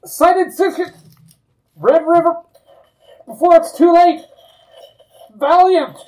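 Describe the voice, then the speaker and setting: A man's voice crackles through a radio signal that breaks up and fades in and out, as a game master puts him on. He pushes out clipped, urgent fragments, pitched well above a normal speaking voice. A faint hiss sits under the transmission. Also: slow pace, a little mellow. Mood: urgent, broken. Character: male stranger on a garbled radio transmission breaking up. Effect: radio breaking up, fading in and out.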